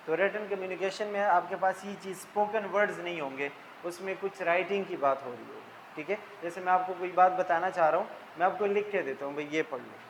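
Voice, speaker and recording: A high-voiced male tutor goes through lecture slides, putting each term into plain, simple words and repeatedly saying "ठीक है" as he checks in with his listeners. The audio quality is poor, with a faint hiss in the background.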